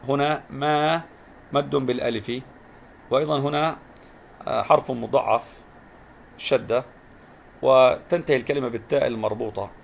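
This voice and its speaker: A man's voice: medium pitch, creaky, slight background noise. A male teacher giving a recorded primary school lesson, stretching out and repeating syllables as he explains spelling.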